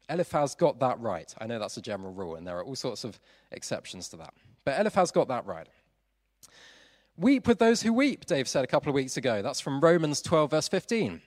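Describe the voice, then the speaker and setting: A man preaching a sermon with animated emphasis that lifts on his key points. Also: mid-range voice. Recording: long hall reverb.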